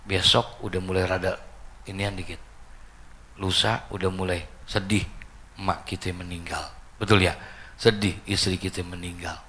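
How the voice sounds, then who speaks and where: An older man giving a humorous mosque sermon, storytelling and acting out characters in high excited voices. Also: moderate pace, long pauses, slight background noise. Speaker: preacher.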